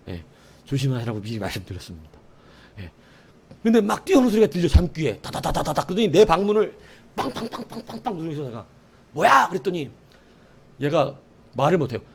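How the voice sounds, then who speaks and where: A man's voice: a little high, sing-song, a little fast, a little mellow, breathy edge. A middle-aged man preaching a sermon as pastor, telling a story with sound effects and asides to the congregation.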